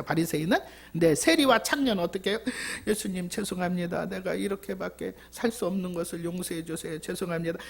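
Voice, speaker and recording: Woman pastor, sermon in church, husky voice with a lively rising and falling pitch, asks the flock questions. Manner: asks the congregation rhetorical questions, repeats key words.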